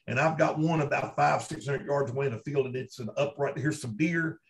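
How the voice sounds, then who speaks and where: With a mid-range voice and a slightly fast pace, a Kentucky man shares first-hand Bigfoot research stories as an interview guest. He's folksy and emphatic, circling back to repeat key points.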